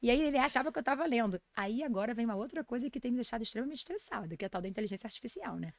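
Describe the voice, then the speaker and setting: A woman in her forties with a Brazilian Portuguese accent, a nutritionist and lecturer telling stories fast and with animation in a casual podcast interview. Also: a little high, animated, dry recording. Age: 40s.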